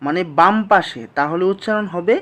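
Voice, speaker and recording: A teacher giving a slow, patient language lesson, explaining each sound step by step and repeating it back to the class. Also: mid-range voice.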